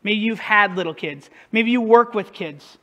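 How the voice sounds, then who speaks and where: A man's voice: high-pitched, normal speed, fairly bright tone, dull audio. A male pastor preaching a casual sermon, conversational and self-deprecating, who often puts questions to the congregation. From northern United States.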